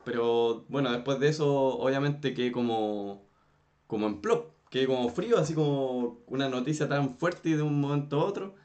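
A young man in his teens with a Chilean accent, telling a story in a casual chat, expressive and acting out what others said. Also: mid-range voice, normal speed, lo-fi sound. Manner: expressive, acts out quotes, laughs. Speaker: podcast co-host.

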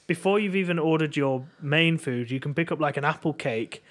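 A man's voice: on the high side, fairly quick. Male co-host, light voice, wry storyteller. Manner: wry, acts out little scenes in quoted voices. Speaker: podcast co-host. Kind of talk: casual chat.

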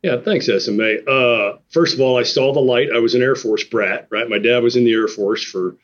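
A man's voice: mid-range voice, moderate pace, lo-fi sound. A man in his fifties, an army general, talking casually in an interview in an upbeat, plain-spoken way. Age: 50s.

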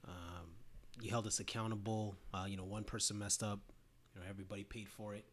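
Animated storytelling man, podcast host. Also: on the low side, fast. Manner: animated storyteller, acts out quotes with laughter. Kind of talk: casual conversation, storytelling.

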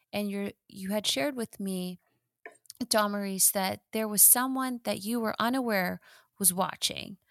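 A woman hosts an interview podcast, pausing to sum up her guest's story for listeners. She speaks in a reflective, measured way with soft fillers. The sound is close and dry. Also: medium pitch, dry recording. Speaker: host.

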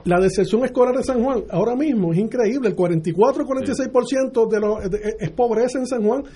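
A middle-aged Puerto Rican man, a mayoral candidate, answers questions as a guest on a radio interview in a Puerto Rican Spanish accent. His voice is very high-pitched and dark in tone, with a breathy edge. He comes across as earnest but halting, restarting his sentences many times.

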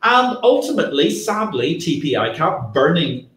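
A man's voice: fairly high pitch, very animated, normal speed, fairly bright tone. A middle-aged man hosting a livestream, presenting in a theatrical, effusive and wordy way. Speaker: livestream host. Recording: roomy echo.

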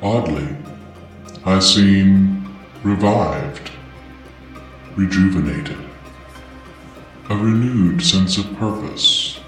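A man voicing a grave, dignified male Grim Reaper in a storybook reading, speaking slowly and in a hushed, measured way. The voice sounds distant and heavily echoing. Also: low voice, soft background music. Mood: solemn.

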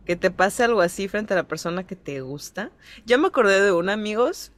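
A woman's voice: mid-range voice, expressive, brisk. A young Mexican woman telling a rambling anecdote in casual podcast chat. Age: young adult. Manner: rambling anecdotes with acted quotes. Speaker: podcast co-host.

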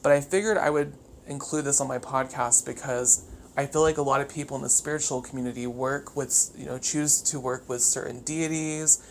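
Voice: mid-range voice, fairly even intonation, brisk. A podcast host talking casually and solo with wired, chattery, over-caffeinated energy, swearing freely. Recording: clear background noise.

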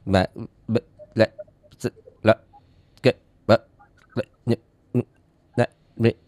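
A man on a prank phone call, deliberately chopping his words into half-syllables so his line sounds like it is glitching and cutting out. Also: lowish voice, steady tone, darkish tone. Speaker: radio prank caller.

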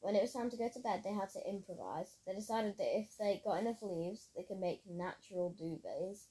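Woman reading a story, mellow voice. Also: mid-range voice, fairly quick, low-quality recording. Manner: plain storytelling, occasional slips and restarts. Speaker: narrator. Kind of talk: reading own story aloud.

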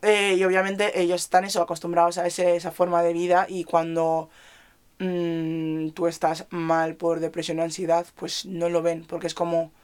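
A young adult woman with a Spain Spanish accent, chatting casually as a podcast co-host and talking in an expressive, animated way. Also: lowish voice, smooth. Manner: expressive, animated, drawn-out emphasis and laughter. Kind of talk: casual chat.

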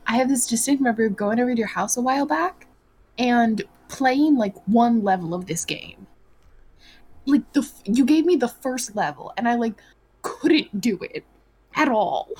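Husky-voiced rambling woman co-host. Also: fairly high pitch, a little mellow. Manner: rambling and hesitant, many fillers. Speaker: podcast co-host. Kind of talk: casual podcast chat.

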